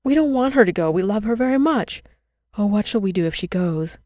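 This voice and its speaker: A woman's voice: lowish voice, steady tone, a little fast, mellow, dry recording, studio quality, natural voice. A woman voicing two young children begging eagerly in a storybook reading. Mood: desperate.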